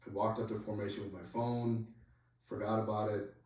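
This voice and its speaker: A soldier telling a story on a podcast in a rambling, casual way, leaning on "like" and swearing freely. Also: male voice, on the low side, flat delivery, fairly quick, darkish tone. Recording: very echoey room, voice far from mic.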